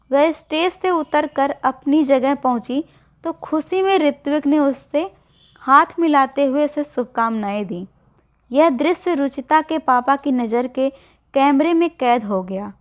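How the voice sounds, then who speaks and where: A woman storyteller calmly narrating a scripted story in a measured way. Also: high-pitched. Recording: dull lo-fi recording.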